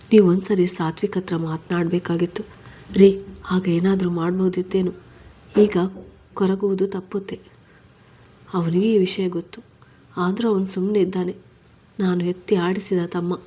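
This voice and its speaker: A woman's voice: fairly low pitch, little pitch movement, normal speed, long pauses, warm tone, slightly rough. A woman reading a story, voicing a stubborn but tender young husband who is weary and troubled.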